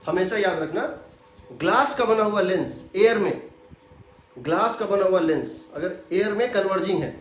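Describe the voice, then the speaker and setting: A man's voice: sits high, animated, normal speed. A man teaching physics in a lecture, explaining step by step and repeating key points. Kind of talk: classroom lecture. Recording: very echoey room.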